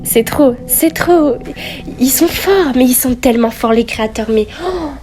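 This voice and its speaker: A woman's voice: sits high, lively intonation, measured pace, darkish tone, soft background music. A young woman doing casual horror game streamer commentary, reading dialogue aloud and reacting in slangy speech.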